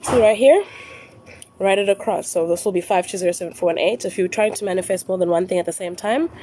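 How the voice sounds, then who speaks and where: A South African woman hosting a phone live stream, explaining rituals slowly and repeating her instructions, slipping into Zulu phrases. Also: medium pitch, dark tone, slight background noise. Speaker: spiritual live-stream host.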